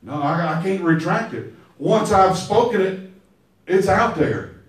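A man's voice: big pitch swings, unhurried. A preacher putting on a frail old blind father. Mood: dismayed. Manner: low, hushed and drawn out. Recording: very echoey hall, mic far off.

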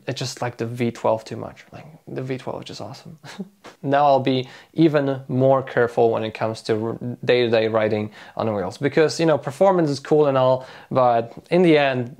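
Casual young man vlogging about wheels. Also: medium pitch. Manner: loose, relaxed delivery with many "like" and "uh" fillers. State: voice getting tired. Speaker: electric unicycle vlogger. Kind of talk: casual talk to camera.

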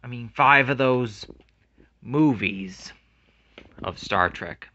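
A man unboxing a movie collection in casual commentary, earnestly excited, reading the labels aloud and calling each one very amazing. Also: mid-range voice, slow, lo-fi sound.

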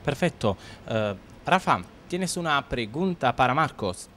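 A young man whose first language is Italian, reporting on location in a restaurant kitchen with a handheld mic, brisk and handing the talk along. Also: mid-range voice, lively intonation, fairly bright tone, a little hiss or hum. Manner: brisk, hands the talk back and forth.

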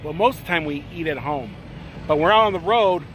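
A man's voice: fairly high pitch, expressive, fast talker, fairly bright tone, soft background music. A man with a Northern US accent, chatting casually on a travel vlog, checking in with "right?" as he talks. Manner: chatty, keeps asking "right?". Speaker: vlogger. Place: out and about on a rainy tourist street.

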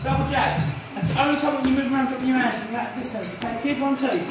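A man's voice: very high voice, fast talker. Male boxing coach calling combos, echoey gym. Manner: short clipped commands, encouraging. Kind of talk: boxing coach calling punch combos during pad work. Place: indoor boxing gym, in the ring. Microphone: distant handheld camera or phone. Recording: echoey gym, distant camera mic, music. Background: music.

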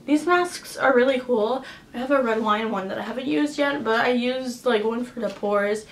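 A woman's voice: a little high, normal speed, a little hiss or hum. Chatty young woman in an echoey room. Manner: chatty, upbeat, many "like" and "um" fillers. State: has a cough drop in her mouth. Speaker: vlogger. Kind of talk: casual haul chat. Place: at home, indoors.

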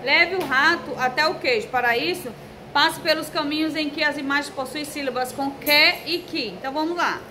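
Brazilian woman, schoolteacher, high and bright voice, slow patient delivery, faint background noise. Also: rough recording. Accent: Brazilian Portuguese. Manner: slow, patient, spells out letters and syllables. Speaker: primary school teacher. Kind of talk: recorded remote class.

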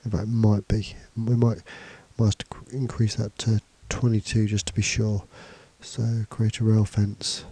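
Congested from a cold, a male computing teacher talks casually through a programming screencast, his indoor voice-over laid over slides and screen capture. The voice sits fairly low and warm, slightly rough, with little pitch movement, a measured pace and few pauses. He still leans on fillers and restarts.

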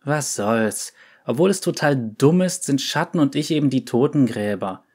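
A man's voice: medium pitch, expressive, moderate pace, a little mellow, breathy edge. A man voicing a gloomy, sulky young female yordle who answers curtly in a storybook reading. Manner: sullen, curt.

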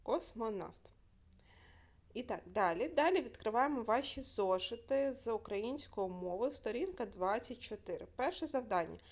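A woman teaching a primary school lesson by video, clear and patient, asking questions and answering them herself. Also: a little high, lively intonation, normal speed.

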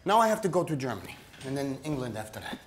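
An actor playing a proud, self-assured middle-aged husband, speaking insistently in a restrained film drama argument. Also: male voice, medium pitch, sing-song, fast talker, a little hiss or hum, close to an everyday voice. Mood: restrained, dismissive. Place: dining room indoors.

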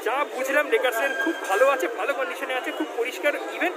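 A man's voice: extremely high pitch, fast talker, a loud crowd. A man with a Bengali accent talking through a face mask, hosting a casual street food vlog and chatting straight to his viewers. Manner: chatty, addresses viewers directly. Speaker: food vlogger host. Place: busy city street outdoors. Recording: loud street noise and traffic.

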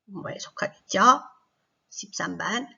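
A woman teacher giving a recorded online language lesson for children. She speaks slowly and patiently, says each sound loudly for the class to repeat, then explains it. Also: on the low side, vocal fry, husky, lo-fi sound.

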